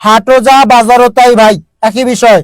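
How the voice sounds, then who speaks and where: High-pitched man teaching grammar. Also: flat delivery, moderate pace, smooth, dry recording. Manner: repetitive, drilling questions to students. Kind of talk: online grammar lesson.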